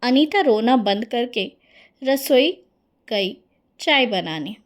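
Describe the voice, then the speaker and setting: Slow-paced woman telling a cartoon story. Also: fairly high pitch, animated. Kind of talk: scripted story narration.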